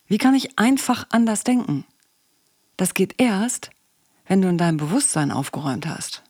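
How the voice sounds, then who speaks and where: A woman's voice: medium pitch, very animated, moderate pace, darkish tone, no room sound, clean studio sound. A woman coach and psychologist hosting a podcast, talking casually and asking the listener questions. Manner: conversational, asks the listener questions.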